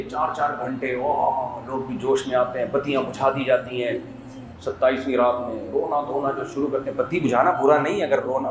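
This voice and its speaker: A man from Pakistan giving an informal sermon as an Islamic preacher, talking conversationally and asking his listeners rhetorical questions. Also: a little high. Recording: roomy with faint background noise.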